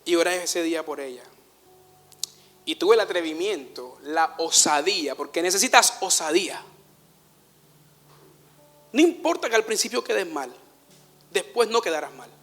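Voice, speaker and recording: A man preaching a sermon, telling personal stories in an animated way, laughing at himself and dropping to a hush in tender moments. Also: a little high, moderate pace, pauses often, in a large hall. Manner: animated storytelling, laughs at himself, swings from loud to hushed. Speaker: pastor.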